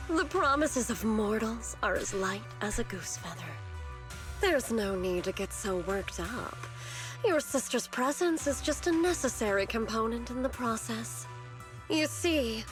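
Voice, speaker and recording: A woman's voice: mid-range voice, natural voice. A woman voicing a fanatical, scheming villainess in a game, theatrical and condescending in her delivery. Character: fanatical scheming female villain devoted to a Creator. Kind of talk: scripted video game voice acting.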